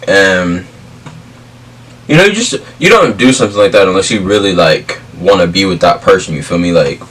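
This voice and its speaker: A man's voice: deep voice, animated, normal speed, fairly bright tone, breathy edge. A young adult man chatting casually and telling stories in emphatic, slangy speech. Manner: slangy, emphatic, checks in with "you feel me" and "bro". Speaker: vlog co-host. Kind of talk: casual storytelling chat. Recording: distant mic, faint background noise.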